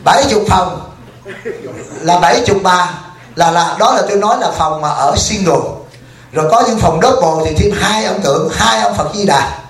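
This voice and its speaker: A man's voice: high voice, normal speed. A male Buddhist monk giving a humorous Dharma talk at a retreat, telling stories and asking the audience questions. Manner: joking, storytelling, asks the audience questions. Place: retreat hall. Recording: echoey hall.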